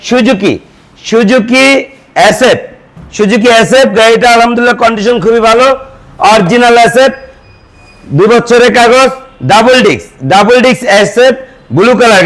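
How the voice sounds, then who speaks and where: A man with a Bangladeshi Bengali accent giving a used motorbike sales pitch, reeling off features and prices item by item. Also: normal speed, long pauses, a bit bright, slight background noise, low-quality recording.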